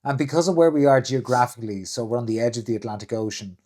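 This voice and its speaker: Irish guy co-hosting a relaxed chat, lively anecdotes with put-on voices. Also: mid-range voice, fast. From Ireland. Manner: animated storyteller, mimics others' voices. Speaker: co-host. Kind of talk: casual chat.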